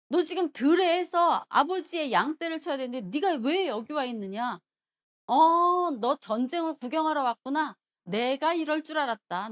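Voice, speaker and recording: Scornful older brother, done by a woman preacher, loud and berating. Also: sits high, voice pushed up. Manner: scolding, berating.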